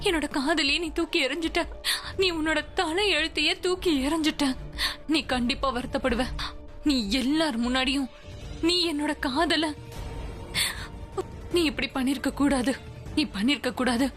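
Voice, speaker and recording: A woman's voice: high-pitched, normal speed, pauses often, a bit bright. A woman voicing a spurned woman who bitterly threatens the man who rejected her, in a dubbed TV serial. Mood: vengeful. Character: spurned woman vowing revenge on the man she loves. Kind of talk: Tamil-dubbed TV serial acting. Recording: TV drama dub with faint music behind.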